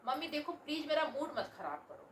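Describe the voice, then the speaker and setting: A woman acting as a sulky, defiant young married daughter who whines and brushes off her mother's advice. Her voice is high-pitched, and it sounds roomy and a little far from the mic. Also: sing-song, brisk, slight background noise. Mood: petulant defiant. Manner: petulant, whining, dismissive. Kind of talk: home family drama acting. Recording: roomy echo, voice from a distance.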